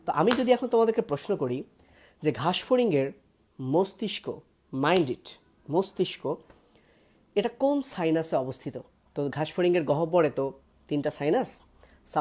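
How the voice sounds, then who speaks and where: A woman biology teacher, giving a live online lesson in a lively, teasing way and mixing in English words. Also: sits low.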